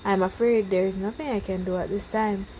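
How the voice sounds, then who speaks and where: Woman reading stern male werewolf alpha, firm and dismissive, storybook voice, mid pitch. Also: steady tone, fairly quick, warm tone, slight background noise, lightly acted, rough recording.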